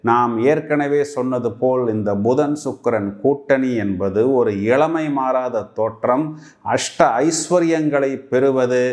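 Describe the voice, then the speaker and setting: Slow, measured Tamil astrologer, a man. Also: mid-range voice, darkish tone. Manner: slow, measured explanatory delivery. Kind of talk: monthly horoscope talk.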